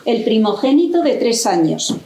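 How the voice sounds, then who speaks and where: An actress playing a novelist's affectionate wife, reminiscing in a playful, teasing way. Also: female voice, fairly high pitch, very animated, moderate pace, warm tone. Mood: teasing, fond. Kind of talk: staged reading in a stage tribute. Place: university auditorium. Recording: roomy hall echo.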